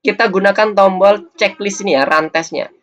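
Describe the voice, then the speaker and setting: A man with a high-sitting, fairly bright voice teaches a coding lesson over a screencast, speaking at normal speed. As a programming teacher, he patiently explains each step. The audio is dull and lo-fi.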